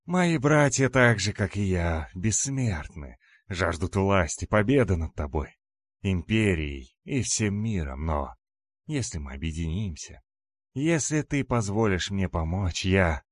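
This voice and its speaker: A man voicing a cunning immortal male demon lord who shouts in a hoarse, shrill voice, in a fantasy audiobook. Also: sing-song, unhurried, no room sound, exaggerated voice. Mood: scheming.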